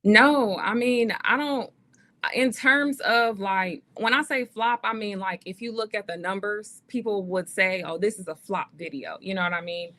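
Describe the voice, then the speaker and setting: A woman in her thirties, an actress and author, appears as a podcast guest, speaking at normal speed with a medium-pitched, sharp-toned voice. She talks earnestly and casually, driven by her faith, with plenty of "um"s and "like"s.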